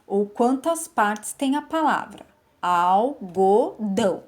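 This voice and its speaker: A woman teacher demonstrating word games for a class, explaining patiently and stretching words out clearly. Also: medium pitch, lively intonation, slow pace. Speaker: literacy teacher. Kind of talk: online lesson demonstration.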